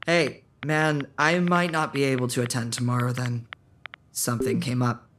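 Nervous young vampire guy, voiced by a performer, earnest, worries fast, audio drama. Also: mid-range voice, flat delivery, fairly bright tone, a little hiss or hum, close to an everyday voice. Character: young male vampire fledgling, anxious and guilt-ridden.

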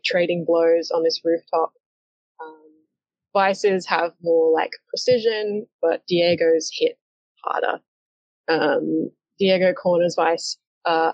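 A woman's voice: lowish voice, darkish tone, dry recording. A woman game master narrating a collaborative comic story game in a chatty, hesitant way with lots of fillers. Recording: dull, lo-fi and dry.

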